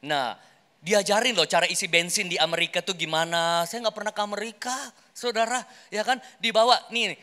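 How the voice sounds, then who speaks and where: Brisk and bright, with a high, forceful voice, a man preaches to his congregation in a big hall. As a pastor leading a workshop, he keeps it conversational, often speaking to listeners directly and playing out little everyday examples. The recording carries the long reverb of an echoing hall.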